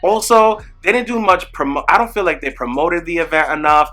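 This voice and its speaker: A young man telling an animated, chatty storytime about his small business, talking straight to his viewers. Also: a little high, fairly quick. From New York. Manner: animated, chatty, emphatic retelling with asides to viewers. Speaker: small business owner vlogging. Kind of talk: casual storytime vlog. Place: home room with product shelves.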